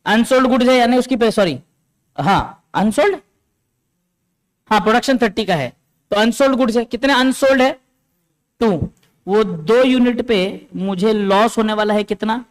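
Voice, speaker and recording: A man with a fairly high voice teaches a class, working through a problem one step at a time. He keeps stopping to ask whether the students have understood, and his carries an influence. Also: moderate pace, long pauses. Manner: explains step by step, checks with the class. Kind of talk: classroom lecture.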